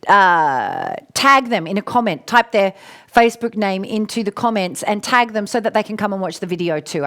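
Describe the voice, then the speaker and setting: Chatty Australian woman hosting a live stream. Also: on the high side. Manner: chatty, warm greetings to viewers, laughs often. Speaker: coach and live show host. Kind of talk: casual live stream chat.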